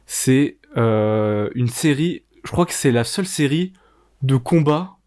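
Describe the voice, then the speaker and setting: A man's voice: medium pitch, lively intonation, slow, darkish tone. A man co-hosting a podcast, casually and enthusiastically recommending shows, with frequent fillers and restarts. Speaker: podcast co-host.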